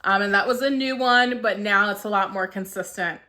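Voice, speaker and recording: A woman's voice: mid-range voice, normal speed, bright, forceful tone. A woman in her thirties chatting casually to camera as a vlogger, a little short of breath, with frequent "um" and "like" fillers. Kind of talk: casual vlog talk to camera.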